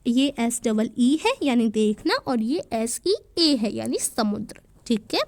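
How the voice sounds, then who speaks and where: A woman's voice: fairly high pitch, lively intonation, slow pace, no room sound. A woman teacher explaining a worksheet to young children, patiently spelling words out letter by letter and mixing English sentences into her Hindi.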